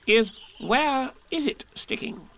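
A man's voice: very high-pitched, animated, takes it slowly, a bit bright, slight background noise, voice pushed up, full character voice. A man voicing a fussy, self-important male rabbit in a storybook reading, with a pompous manner.

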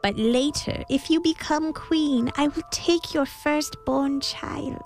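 A woman voicing an odd little male imp in a storybook, sly and bargaining, with a taunting, drawn-out delivery. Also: high voice, darkish tone, faint music behind, voice pushed up. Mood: smug, menacing. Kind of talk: storybook character voice.

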